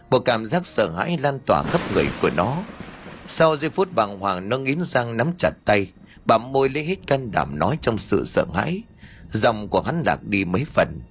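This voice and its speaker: A man narrating a scripted ghost story in a dramatic, tense storytelling manner. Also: lowish voice.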